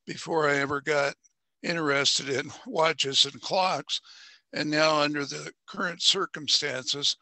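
A man in his seventies or older with a raspy, congested voice, speaking in measured, formal phrases as he gives an informal presentation on a headset. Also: on the high side, bright, forceful tone, no echo. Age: 70s or older. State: congested sinuses. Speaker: watch club member presenting a watch. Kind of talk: informal show-and-tell. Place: home room on a video call.

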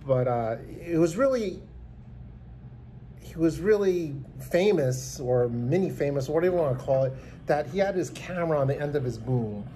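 This vlogger, a man in his fifties, pays an earnest tribute to camera from a small room, rambling and restarting often while a phone records him up close. He sounds a little high and animated at a normal speed, with a dark tone and slight hiss or hum.

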